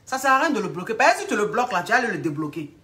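A woman's voice: mid-range voice, big pitch swings, racing, sharp tone, distant mic. A woman relationship coach, telling a story casually in a chatty, mocking way with quoted dialogue.

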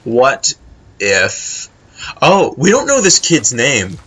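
A man's voice: medium pitch, huge pitch swings, slow, a bit bright, breathy edge. A man giving casual, chatty commentary while playing a video game, swearing freely and talking to the game character. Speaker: let's play host.

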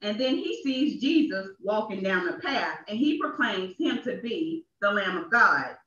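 A woman minister gives an emphatic sermon in a small church, unhurried and expressive, with a sharp tone in her mid-range voice and repeated phrases for effect. Recorded from a distance, the livestream sounds echoey and dull.

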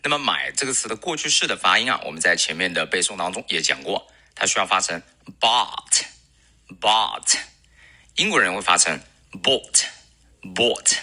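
Male English teacher, native Chinese speaker, deep bright voice, drills pronunciation with slow, drawn-out repetition. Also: big pitch swings, slightly rough. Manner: explains slowly, models English words with drawn-out repetition. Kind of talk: recorded pronunciation lesson.

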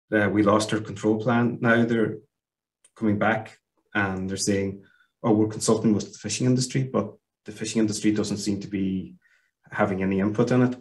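A man's voice: lowish voice, low-quality recording. A middle-aged Irish man asking loose, conversational questions as podcast host over a headset on a video call.

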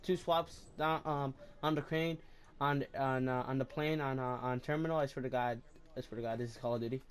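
A man giving casual, crude gameplay commentary, joking and repeating himself, with sudden loud excited outbursts. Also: medium pitch, brisk. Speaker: gameplay video maker.

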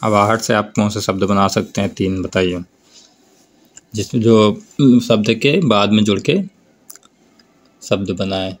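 Man, teacher, low voice, very slow, board exam grammar lesson, North Indian Hindi accent. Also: steady tone. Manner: slow, drawn-out explanation with repeated prompts to look.

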